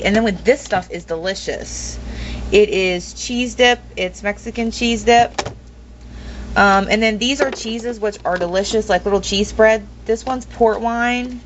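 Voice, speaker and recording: A young woman giving a casual, rambling home tour, full of ums and blunt opinions. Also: medium pitch. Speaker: vlogger. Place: kitchen at home. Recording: dull lo-fi home video with noise.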